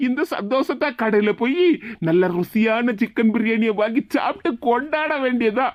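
A woman's voice: fairly high pitch, moderate pace, no echo, studio quality, close to an everyday voice. A woman voicing a petty, gloating husband in a cartoon, with a Tirunelveli Tamil accent. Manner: gloating, teasing.

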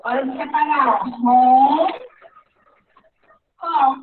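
A woman with a Brazilian accent teaching young children in an online class, patiently repeating words slowly in a sing-song way. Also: high voice, lively intonation, a little hiss or hum. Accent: Brazilian Portuguese. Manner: slow, patient, sing-song word repetition. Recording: echoey, distant, phone-like online class audio.

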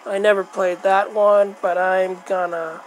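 A woman hosting a retro game video, musing casually over old footage and clearing her throat now and then. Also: mid-range voice, level tone, measured pace, low-quality recording.

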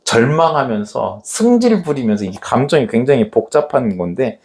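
A male pastor delivers a church sermon with a voice that swings high and low. He acts out the scripture scenes dramatically, shouting some lines and dropping to a hush on others. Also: moderate pace. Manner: animated preaching, dramatically acting out scripture quotes.

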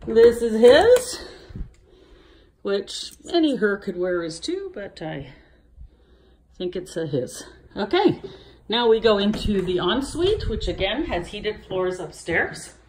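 A woman's voice: mid-range voice, very animated, a little slow. A real estate agent walking through a large house, chatting as she points out rooms and getting a little out of breath. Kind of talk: walking house tour narration.

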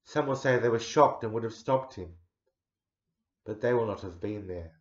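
A man in his forties giving a dramatic poetry recital, measured, swelling loud and sinking to a near hush. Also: on the low side. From Australia. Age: 40s. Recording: roomy echo, dull lo-fi sound.

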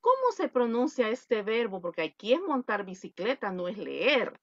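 A woman's voice: on the high side, big pitch swings, normal speed, no room sound, highs cut off. A woman teaching an online English class, mixing Spanish and English and correcting pronunciation. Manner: switches between Spanish and English.

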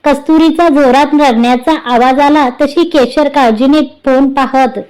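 A woman's voice: sits high, fairly even intonation, a little slow, darkish tone, rough recording. A woman narrating a serialized family story, reading every character's lines in her own voice.

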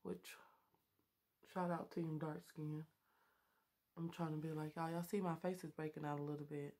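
Recorded up close on a webcam in a small bedroom, a beauty vlogger in her thirties does her makeup while chatting and joking with viewers. She has a deep, dark voice that barely moves in pitch and speaks at normal speed. It's a casual makeup tutorial chat.

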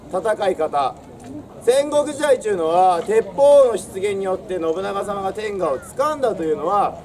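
Animated young man lecturing in samurai speech. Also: high-pitched, recorded from a distance. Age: young adult. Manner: projected, declamatory, swaggering storyteller with archaic samurai phrasing. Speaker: costumed performer playing a samurai, giving a history lesson. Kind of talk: theatrical history lecture to an audience in old samurai speech. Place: outdoors in front of a castle stone wall. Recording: outdoor recording with crowd, birds and traffic.

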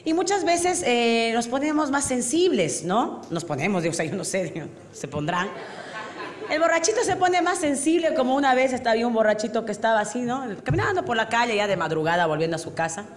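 A Bolivian woman performing an animated stand-up comedy routine, acting out drunk characters with big voice swings. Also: a little high, a little fast. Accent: Bolivian Spanish. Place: comedy stage before a live audience.

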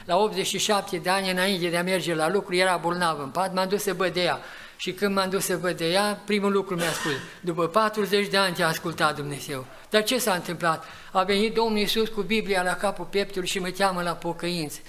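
A man in his eighties preaching a farewell sermon in a church, telling stories of his faith and rising to loud exhortation, sweating as he speaks. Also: high-pitched, steady tone, slight background noise. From Romania. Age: 80s. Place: church hall. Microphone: live church recording.

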